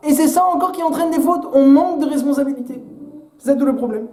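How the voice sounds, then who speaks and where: A man who is a rabbi, giving a Torah sermon with rhetorical questions and animated retellings of midrash. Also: very high-pitched, fast talker, reverberant. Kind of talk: Torah sermon in French with Hebrew terms.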